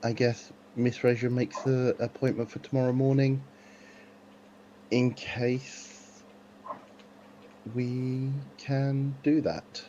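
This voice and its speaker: A man's voice: medium pitch, level tone, slow pace, long pauses, mellow. A man playing a tabletop game on an online call, chatting casually and a little tentatively. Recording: muffled call, faint background noise.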